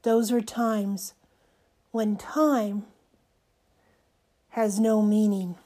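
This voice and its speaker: Hoarse, slow-talking older woman podcaster. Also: mid-range voice, fairly even intonation, dark tone. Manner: halting delivery in short reflective phrases. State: hoarse, voice nearly gone. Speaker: podcast host. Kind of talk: personal monologue podcast.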